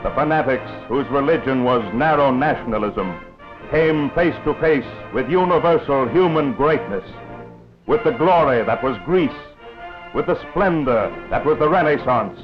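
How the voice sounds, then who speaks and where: At a moderate pace and medium pitch, a man narrates a 1940s wartime newsreel. His delivery is grave, oratorical and scripted, heard on a dull lo-fi film soundtrack with music.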